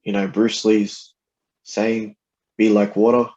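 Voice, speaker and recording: A man's voice: fairly low pitch, level tone, slow, a little mellow, dull audio. A man chatting casually as a podcast guest, laid-back and slangy, with loosely put-together phrases. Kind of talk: casual chat.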